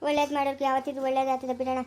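Village woman for a family skit: shrill, very high voice, quick repeated lines, rural Chikkaballapura Kannada lilt. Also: completely flat delivery, darkish tone, slight background noise. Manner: scolding, comforting, repeats phrases.

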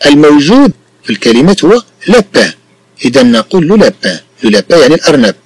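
Male teacher, patient and repetitive, lively pitch, higher voice. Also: breathy edge, no room sound, rough recording. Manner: slow, repeats each sentence in two languages. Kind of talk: bilingual classroom lesson.

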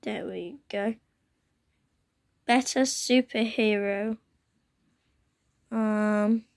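A young woman with a croaky, mid-range voice talks very slowly while playing a computer game, chatting casually and exclaiming often. She hosts a gaming channel and records at home on a phone held to her laptop screen, with rain outside.

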